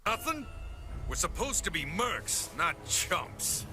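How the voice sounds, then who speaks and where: A man's voice: high-pitched, big pitch swings, slow, bright, forceful tone, breathy edge, faint music behind, heavily acted. An actor, a man, playing a greedy, scheming pig mercenary in a video game cutscene, sneering and mocking. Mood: grumbling, scornful.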